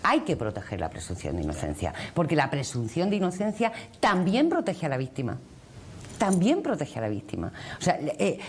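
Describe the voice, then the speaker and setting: A woman with an Andalusian accent moderating a panel interview in a halting, emphatic way, often rephrasing herself. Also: mid-range voice, a little mellow. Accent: Andalusian Spanish. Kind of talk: broadcast panel interview, conversational.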